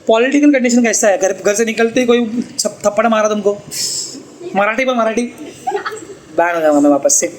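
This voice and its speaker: A man's voice: high voice, a little fast, pauses often, slight background noise, poor audio. A man teaching a tuition class, chatty and teasing as he explains. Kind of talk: classroom lecture.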